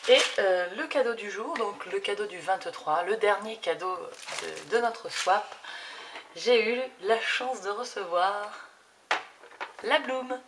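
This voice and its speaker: A woman in her thirties talks through a craft unboxing at her desk, chatty and enthusiastic, stumbling over fillers. Her voice sits at an ordinary middle pitch. A steady background noise runs under the camera recording. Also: slow pace. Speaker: craft YouTuber. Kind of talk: casual unboxing chat. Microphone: camera set low on desk.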